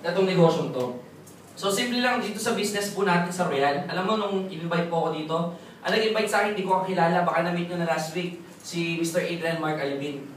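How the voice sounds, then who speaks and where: A man's voice: high-pitched, fast. Joking young man, echoey hall. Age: 20s. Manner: jokey storytelling, keeps asking the crowd "right?". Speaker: testimonial speaker at a business seminar. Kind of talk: lively motivational testimony to an audience. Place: large echoey seminar hall with audience. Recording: very echoey hall, far off, noisy.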